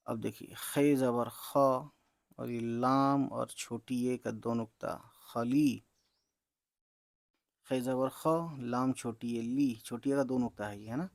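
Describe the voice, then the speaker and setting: A man teaching beginners to read Urdu, spelling words out letter by letter in a slow, patient way and talking to viewers as friends. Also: mid-range voice, vocal fry, darkish tone, no echo, clean studio sound.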